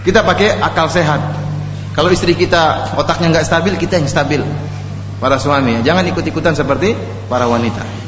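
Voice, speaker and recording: A man preaching an Islamic lecture in an animated way, joking and acting out the people in his examples. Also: a little high, brisk. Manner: animated, jokes and laughs, acts out quotes. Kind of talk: religious lecture. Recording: echoey hall, dull lo-fi, faint noise.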